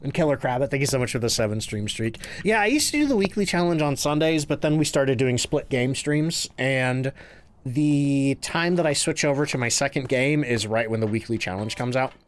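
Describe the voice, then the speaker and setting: Animated man live-streaming a horror game. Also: mid-range voice, normal speed, slight background noise. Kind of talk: casual live game commentary, chatting with viewers.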